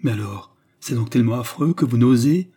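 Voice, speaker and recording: A man reading an audiobook voices an imprisoned countess who pleads, rages and schemes in shrill outbursts. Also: moderate pace, warm tone, breathy edge, lightly acted. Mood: desperate.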